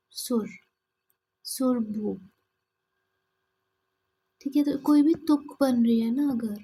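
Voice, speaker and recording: A woman teaching an exam-prep lesson, explaining terms and reading verse examples aloud with pauses. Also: fairly high pitch, warm tone, slightly rough, low-quality recording.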